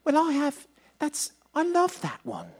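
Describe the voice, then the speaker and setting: A woman's voice: sits high, huge pitch swings, a little slow, darkish tone, full character voice. A woman voicing an insecure male imaginary friend, mopey and self-pitying, in a live comedy radio play.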